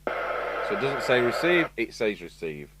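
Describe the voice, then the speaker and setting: Speaking at a measured pace in a medium, sing-song pitch, a man from the United Kingdom reviews a radio as a repair technician. His hands-on commentary is casual, matter-of-fact and musing, as if talking to himself, and the indoor electronics workshop carries clear background noise and an electrical hum.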